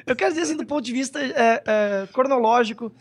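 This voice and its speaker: A man speaks as a podcast guest. His talk is casual and meandering, often pausing to search for a word and correct himself. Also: very high voice, breathy edge. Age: 30s. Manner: rambling, hesitant, self-correcting. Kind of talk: casual chat.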